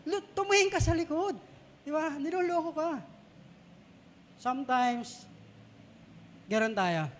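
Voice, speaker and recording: A man with a Filipino accent preaching a sermon in a conversational way, often putting questions to the congregation. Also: very high voice. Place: church hall. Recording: long reverb of a church hall.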